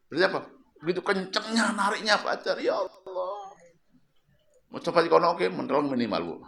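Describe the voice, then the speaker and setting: Lively male preacher, echoey room. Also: lowish voice. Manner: lively storytelling, questions the audience and repeats words. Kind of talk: sermon to a local congregation. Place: home of the preacher. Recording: roomy echo.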